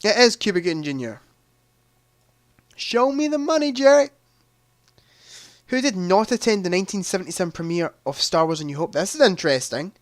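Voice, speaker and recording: A man's voice: high voice, expressive, fast talker, few pauses, no echo, studio quality. A man hosting a live movie quiz stream, chatting casually, thinking aloud and making self-deprecating asides.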